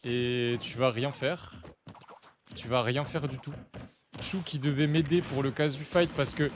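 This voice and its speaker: A young man chatting casually on his live stream, excitable and talking to his chat while watching matches. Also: mid-range voice, unhurried, a little hiss or hum.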